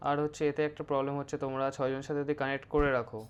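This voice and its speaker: This man, a motovlogger with a West Bengal Bengali accent, delivers a hands-on product review in a clear, resonant, monotone mid-range voice, speaking rapid-fire. The recording has its highs cut off. He is casual and instructive, mixes English words into Bengali, and frequently says "okay?".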